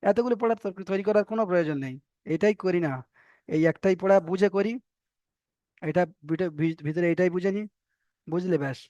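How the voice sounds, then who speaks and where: A man teaching a Quran reading lesson, spelling out Arabic letters and patiently repeating each syllable slowly for his students. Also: sits high, warm tone, no room sound, highs cut off. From Bengal.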